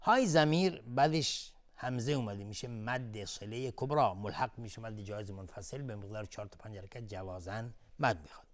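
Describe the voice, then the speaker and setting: Persian-accented man teaching Quran recitation. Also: on the low side. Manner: explains rules plainly, then chants verses slowly and loudly. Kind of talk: tajwid lesson with chanted recitation.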